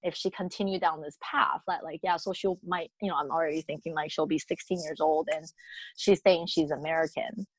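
A woman's voice: sits low, fairly even intonation, brisk, slightly rough, rough recording. A woman in her thirties with a Taiwanese accent, talking reflectively as an interviewee, with many fillers and restarts. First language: Mandarin. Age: 30s. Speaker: interviewee, mother. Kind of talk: casual interview chat.

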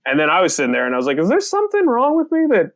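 A young man, a comedian, telling stories on a podcast in a casual, animated way, laughing and swearing freely. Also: high voice, racing. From United States. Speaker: comedian guest.

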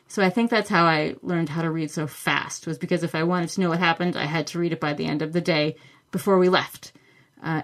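A woman hosting a book podcast, chatting casually and enthusiastically as she answers listener questions. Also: mid-range voice. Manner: chatty and enthusiastic, with many fillers. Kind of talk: casual solo podcast talk.

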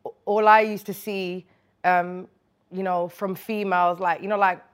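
A woman's voice: medium pitch, flat delivery, normal speed, clean tone. A woman from Birmingham with a local accent, talking casually and in slang as an interview guest. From Birmingham, England. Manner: slangy, informal. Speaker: music artist being interviewed. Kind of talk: casual chat and personal storytelling.

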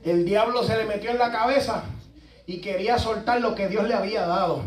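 A man preaching a sermon with fervent, repetitive emphasis that rises to shouting, heard in a church hall. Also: sits high, fairly quick. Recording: echoey church from far off.

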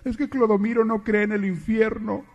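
A woman's voice: a little high, steady tone, normal speed, darkish tone, big-room sound, lo-fi sound, voice pushed up. A man voicing a hesitant young bride who pleads with her mother. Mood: fretful.

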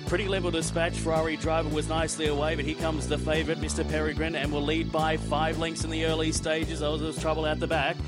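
A man calling a greyhound race in live commentary, in a race caller's running delivery. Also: on the high side.

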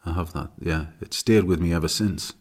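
A man's voice: sits low, brisk, a little mellow, slightly rough. A middle-aged man co-hosting a podcast, making dry, wry remarks in casual chat. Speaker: podcast co-host.

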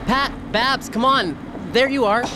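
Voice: mid-range voice, lively intonation, moderate pace, noisy background, close to an everyday voice. An actor playing a cheeky, whiny teenage younger brother with a sardonic manner in an audio drama. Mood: worried.

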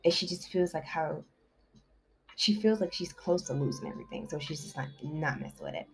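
Rambling low-voiced woman recapping a book. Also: huge pitch swings, a little fast, slight background noise. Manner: rambling, filler-heavy with constant "like" and "you know". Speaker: book summary vlogger. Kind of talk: casual story recap.

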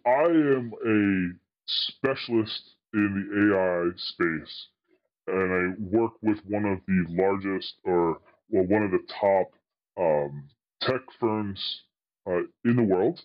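A man's voice: deep voice, takes it slowly, dull audio. A man whose voice is altered to hide who he is, answering interview questions hesitantly with many fillers and restarts. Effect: voice altered to disguise identity. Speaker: anonymous guest, tech specialist.

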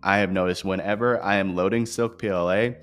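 This podcast host has a deep voice with fairly even intonation and speaks briskly, giving direct explanations to listeners in an informal scripted show. The new office he records in is empty of furniture, producing echo, and music plays behind him.

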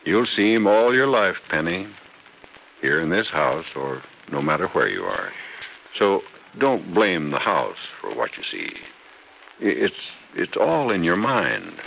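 Patient old man of sixty, gentle and fatherly, gravelly low voice, lively bright tone, 1940s radio drama. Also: unhurried, slight background noise, heavily acted, poor audio. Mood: consoling. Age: 60s. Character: kindly older man, fatherly, patient and steady.

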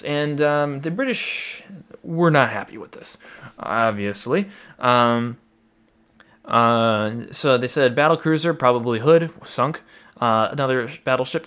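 A man tells a naval history story in a loose, chatty way. He fills pauses with ums and uhs, corrects himself and drops dry jokes. His voice sits at an ordinary middle pitch. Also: a bit bright. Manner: rambling, many fillers and asides, wry humor. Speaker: history narrator. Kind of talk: casual history narration.

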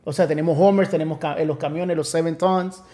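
A man's voice: on the high side, steady tone, a little fast, warm tone. Man in his forties, a pastor as guest. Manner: affirming, recounting at length. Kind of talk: casual interview chat.

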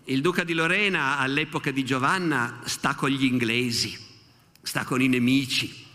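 A man in his sixties from Italy giving a public history lecture at a festival, telling the story in a lively way and quoting witnesses with animated asides. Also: medium pitch, normal speed. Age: 60s. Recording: long hall reverb.

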